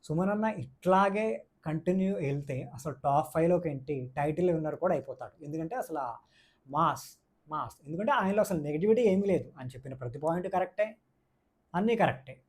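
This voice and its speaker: A man's voice: fairly high pitch, expressive, brisk, a little mellow, husky. A man giving a casual, opinionated review of a reality show, mixing in English words and repeating his points for emphasis. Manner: mixes English words into speech.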